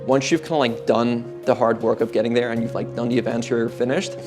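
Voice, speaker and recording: Talking fairly quickly and with fairly even intonation, a young fitness coach from the Netherlands, in his 20s, rambles earnestly about goals, leaning heavily on "like" and "kinda." His voice sits at a typical middle pitch for a man, and clear guitar music runs underneath throughout this casual pep talk.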